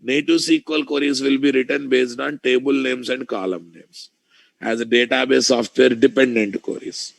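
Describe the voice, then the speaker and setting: A man's voice: medium pitch, steady tone, moderate pace, creaky, no echo. A man with a Telugu Indian accent giving an informal live coding lecture, thinking aloud, repeating his phrases and putting questions to his students. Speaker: programming instructor.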